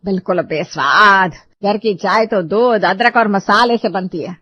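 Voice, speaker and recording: A woman voicing a sharp-tongued traditional mother-in-law who scolds loudly in a cartoon story. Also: unhurried. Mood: scolding. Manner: scolding, shrill and loud. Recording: dull lo-fi dry recording.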